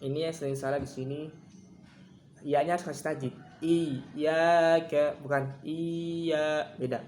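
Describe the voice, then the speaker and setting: A man teaching Quran recitation, chanting verses slowly and then explaining common mistakes in casual speech, contrasting wrong and right pronunciations. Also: mid-range voice, steady tone, darkish tone, echoey room, a little hiss or hum. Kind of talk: recitation lesson with demonstrations.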